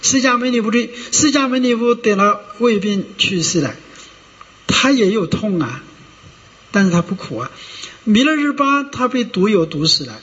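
A high-pitched male monk delivers a discursive Buddhist sermon. He fills his pauses with drawn-out sounds and keeps asking the listeners whether they follow. The recording is dull and lo-fi and carries a long hall reverb. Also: lively intonation, a bit bright. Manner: discursive, many drawn-out "ah" fillers and rhetorical "you know?" checks.

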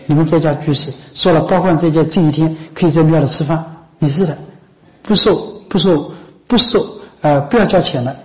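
A Buddhist monk with a fairly high, darkish voice speaks fairly quickly in an informal dharma talk to lay followers, captured in a low-quality recording. Chatty and coaxing, he keeps checking whether they understand, often saying "知道吗？" and "是不是？", and coughs now and then.

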